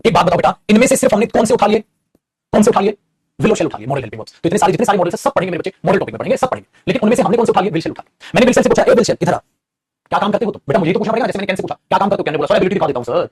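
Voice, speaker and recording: A man's voice: high-pitched, big pitch swings, rapid-fire, darkish tone, breathy edge. A man with an Indian accent teaching an English grammar lesson, playfully acting out little dialogues and calling his students "beta". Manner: calls listeners "beta". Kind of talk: classroom grammar lesson mixing Hindi and English.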